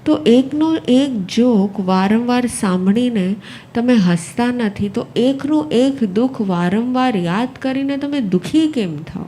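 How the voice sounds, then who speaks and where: A woman's voice: fairly high pitch, lively intonation, unhurried, mellow, slight background noise. Gujarati-accented woman giving a spiritual discourse. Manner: repetitive, asks the audience questions. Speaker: Jain nun giving a discourse. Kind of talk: spiritual discourse to a live audience.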